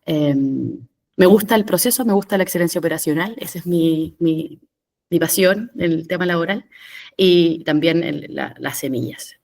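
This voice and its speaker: A woman's voice: sits low, normal speed, vocal fry, darkish tone. A woman in her thirties from Chile with a Chilean Spanish accent, a podcast guest speaking reflectively with fillers and restarts. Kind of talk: conversational interview.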